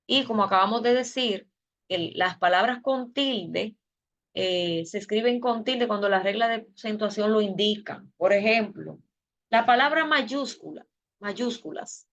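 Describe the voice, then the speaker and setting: A woman teaching a class over a video call, walking through rules step by step and pausing to correct herself. Her voice sits at an ordinary middle pitch. The audio is a bit dull and lo-fi. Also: a bit bright. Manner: explaining step by step, with fillers and self-corrections. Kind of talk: online class lecture.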